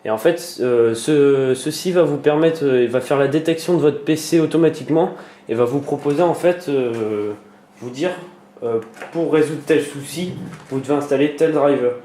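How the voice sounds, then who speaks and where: A man walks viewers through a computer tutorial, stopping often for fillers and restarts. His voice is mellow and dark, at a middle pitch. The room around him echoes, with a faint hiss underneath. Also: moderate pace. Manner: hesitant, many fillers and restarts. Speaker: tutorial maker. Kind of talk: screen-recorded computer tutorial.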